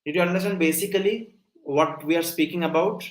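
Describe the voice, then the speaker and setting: A young man, a coding instructor, gives a live online lecture, explaining things step by step and often asking whether listeners are following. His voice is on the high side and brisk, with a roomy sound and poor audio.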